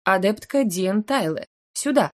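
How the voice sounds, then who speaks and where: A woman's voice: medium pitch, animated, unhurried, no room sound, studio quality, natural voice. A woman reading the lines of a stern male incubus dean who gives growling orders, in an audiobook. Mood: commanding. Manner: growling, commanding.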